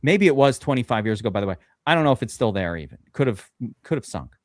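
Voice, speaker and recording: An American man hosting a fantasy football live stream tells a long, rambling tale full of swearing and fillers as he drafts, in the manner of a podcast host's casual chat. His medium-pitched voice has big pitch swings and a quick pace. The audio is clean studio sound without room noise.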